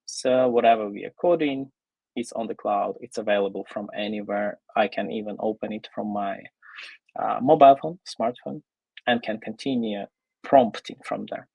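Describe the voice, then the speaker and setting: A man from Ukraine, presenting an online tech talk as a software developer, casual and full of fillers. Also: on the low side, vocal fry, slightly rough, dry recording, lo-fi sound. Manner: casual, pausing often with fillers.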